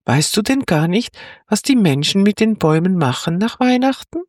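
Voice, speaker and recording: A narrator voicing a small male fox in a storybook reading, calm and slightly mocking. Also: mid-range voice, moderate pace, dry recording, studio quality, voice pushed up, close to an everyday voice. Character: wise little male fox, a bit mocking.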